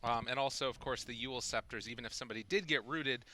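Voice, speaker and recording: A man's voice: medium pitch, fast, very noisy. A man co-casting a video game tournament, asking questions about the draft and chatting casually. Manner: inquisitive, laughs easily. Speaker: esports co-caster. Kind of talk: casual draft analysis commentary.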